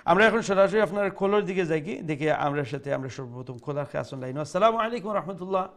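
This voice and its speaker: মধ্যম উঁচু গলার শিক্ষক পুরুষ. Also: male voice, sits high, animated, a bit bright. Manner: slow careful explanations, sung recitation of words. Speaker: Quran recitation teacher. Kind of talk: live tajweed lesson, switching between Bengali and English.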